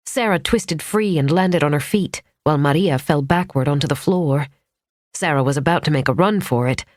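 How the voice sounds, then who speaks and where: Low-voiced woman narrating a thriller. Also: no room sound. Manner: measured, tense storytelling. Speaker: audiobook narrator. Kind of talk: scripted narration. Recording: dry studio audiobook.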